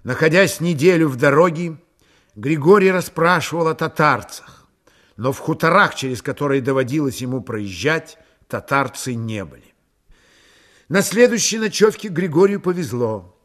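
A man narrating a literary audiobook in a calm, measured, unhurried way. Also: fairly high pitch.

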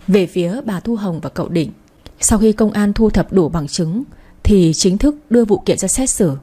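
A woman's voice: mid-range voice, animated, normal speed, dark tone, breathy edge. A woman narrating a dramatic story, with a storyteller's moralizing asides.

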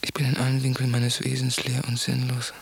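An actor in a radio drama speaking intimately and broodingly, often in a whisper, over music. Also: male voice, mid-range voice, monotone, fairly quick, gravelly, breathy edge. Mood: despairing. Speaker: narrator and protagonist. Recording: music in background.

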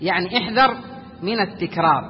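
Male recitation teacher with a high voice, explaining rules and slowly chanting examples; lingering hall echo, muffled recording. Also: slight background noise.

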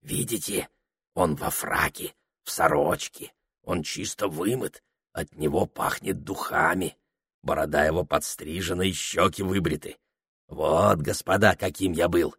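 A man voicing a delirious wealthy middle-aged man in an audiobook, shouting frantically and whispering feverishly. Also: lowish voice, animated, slow. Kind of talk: audiobook character voice.

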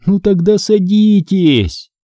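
A man voicing a concerned mother who gives brisk instructions to her children. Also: high voice, warm tone, no echo, studio quality, voice pushed up.

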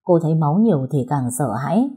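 A woman reading a story aloud as its narrator in a steady, even way. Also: sits low, fast talker, husky.

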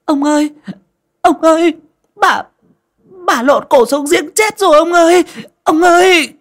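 A man voicing a young frightened servant girl crying out in a high, frantic voice. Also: lively intonation, fairly quick, dark tone, husky, heavily acted. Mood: panicked. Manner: high frantic wailing cries.

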